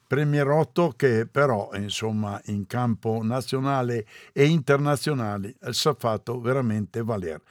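A man with a Trentino accent from northern Italy hosts a radio interview. He speaks informally in dialect, at a middling pitch, in a very dry acoustic. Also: a little slow, hardly any pauses, no echo. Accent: northern Italian, Trentino.

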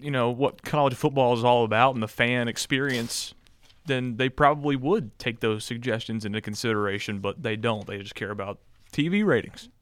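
A man co-hosting a sports radio show, casually chatting and agreeing with his partner. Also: mid-range voice. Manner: agreeable, quick back-channel replies.

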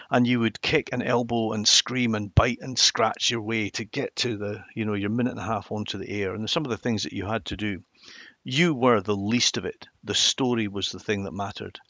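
A mature man with a Highland Scottish accent, telling stories reflectively and emphatically in a conversational interview. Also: steady tone, fairly quick, a bit bright, dry recording, dull audio. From Inverness, Highlands of Scotland. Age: middle-aged or older. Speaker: interview guest, former television journalist.

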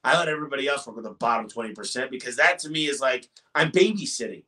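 A man's voice: mid-range voice, quick pace, pushed and bright, far from the mic. A man, a business owner guest on a podcast, talking in an emphatic, motivational way and telling stories. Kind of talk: podcast interview.

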